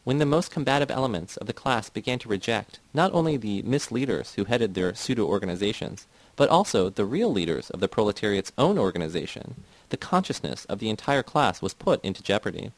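A man's voice: lowish voice, very animated, a little fast, no room sound, poor audio. A man reading a cold, doctrinaire party man who lectures. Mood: lecturing.

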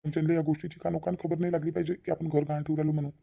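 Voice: medium pitch, level tone, rapid-fire, vocal fry, mellow, husky. A voice actor playing a stern, protective middle-aged village father in a cartoon, with a habit of repeating his orders firmly. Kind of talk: cartoon voice acting.

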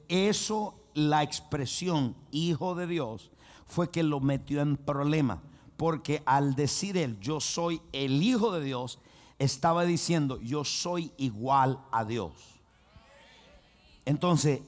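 A man preaching a sermon as pastor, emphatic and repetitive, often calling on the congregation to repeat phrases and say amen. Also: on the high side. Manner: emphatic, with frequent restarts and repetition.

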